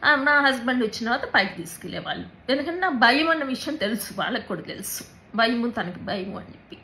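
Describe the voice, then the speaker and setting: Woman, interviewee, halting and repetitive, English words mixed in, slightly high, bright tense tone. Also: big pitch swings, a little hiss or hum, low-quality recording. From Andhra Pradesh, India. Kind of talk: personal account in an interview.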